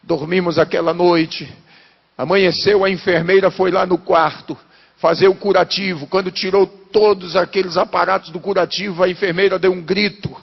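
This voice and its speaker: A man preaching a testimony sermon, a pastor telling his story and building to shouted fervor. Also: sits high, fairly even intonation, normal speed, creaky, husky, long reverb tail, highs cut off.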